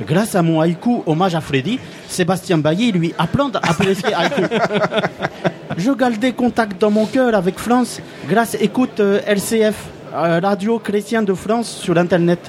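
A man's voice: sits high, moderate pace, a little mellow, close to an everyday voice. A man voicing a cheerful, naive male refugee from a made-up Balkan country, with a put-on foreign accent and broken French grammar in a comic radio sketch. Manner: broken French, dropped verbs and articles.

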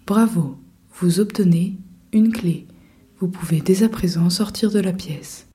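A woman's voice: lowish voice, unhurried, dark tone, slightly rough. A woman playing a suspenseful game narrator, announcing in a scripted, mysterious and dramatic way.

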